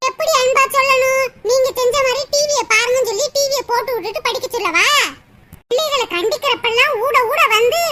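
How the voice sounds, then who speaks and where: A woman plays a strict cartoon mother who complains and argues loudly in a rural southern Tamil accent. Her voice is very high and shrill. Loud noise runs under it. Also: fairly quick. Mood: arguing. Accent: southern Tamil Nadu rural.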